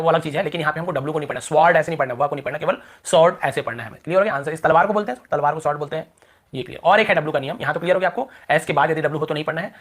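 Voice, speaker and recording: Fast-talking man teaching English spelling. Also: a little high, a bit bright. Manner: rapid, repetitive, drawing out example words. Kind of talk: classroom lesson explaining spelling rules.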